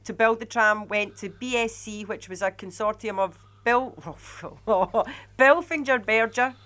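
A woman's voice: on the high side, a little slow, a bit bright. A woman hosting a casual chat, reading out figures and laughing easily.

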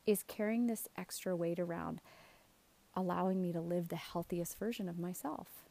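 A woman's voice: lowish voice, moderate pace, creaky, dark tone. A middle-aged woman giving a casual, earnest motivational talk as a coach, speaking out of the side of her mouth and checking in with emphatic questions. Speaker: self-esteem coach hosting a show.

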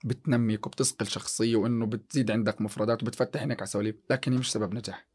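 A man's voice: fairly low pitch, steady tone, very fast, a little mellow, husky. A man, chatting on a podcast about success and faith, quoting scripture with many restarts. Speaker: podcast guest, chemistry teacher. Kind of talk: casual podcast chat.

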